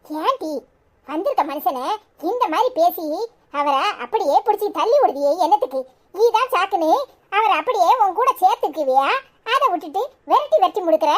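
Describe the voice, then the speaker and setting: Naggy cartoon auntie, tirunelveli tamil, squeaky high voice, scolds nonstop, actor doing her. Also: sing-song, normal speed. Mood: nagging. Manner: scolding, nagging.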